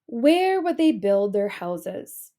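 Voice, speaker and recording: A woman with a medium-pitched voice reads a children's storybook aloud, using an expressive, deliberate storytelling style.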